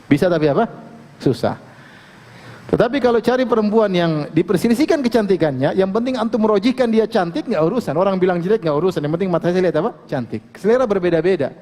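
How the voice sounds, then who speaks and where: A man giving a relaxed, joking religious lecture, often asking his listeners questions. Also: sits high, quick pace, big-room sound. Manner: casual, joking, asks the audience questions. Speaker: Islamic preacher.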